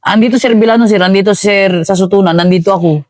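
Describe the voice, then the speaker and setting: A man, an army veteran, recounting combat in a casual interview, halting and calling the host "sir" again and again. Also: high-pitched, no room sound.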